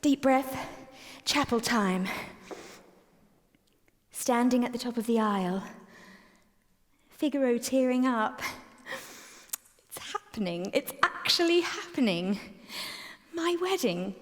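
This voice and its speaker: A woman's voice: on the high side, animated, slow pace, long pauses. A woman narrating as Susanna in a staged concert, playful and comic, with asides to the audience. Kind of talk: theatrical first-person narration as Susanna. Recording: concert hall with long reverb.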